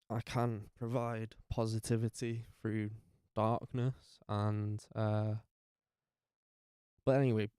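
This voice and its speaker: A tired young man, telling his life story to camera in a halting way, full of fillers and restarts. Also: lowish voice, warm tone, smooth, no echo, clean studio sound. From North West England. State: tired, up very early. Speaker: vlogger.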